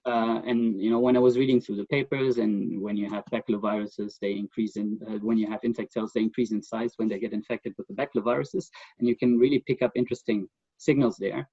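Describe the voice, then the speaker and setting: A middle-aged man with a German accent appears as the expert guest in a remote interview, speaking thoughtfully and haltingly, pausing on fillers and restarting sentences. His voice is fairly low and dark with a breathy edge and fairly even intonation. The audio is dull and close, with no room sound.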